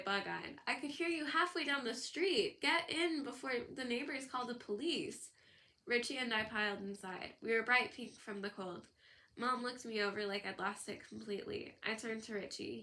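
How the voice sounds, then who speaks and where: Woman audiobook narrator, bright tone, steady storytelling read. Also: mid-range voice. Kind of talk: scripted narration.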